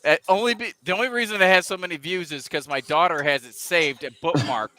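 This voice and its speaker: A man's voice: on the high side, fairly quick, sharp tone. A man co-hosting a casual hobby podcast, a father with a wry, mock-confused manner. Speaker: podcast co-host.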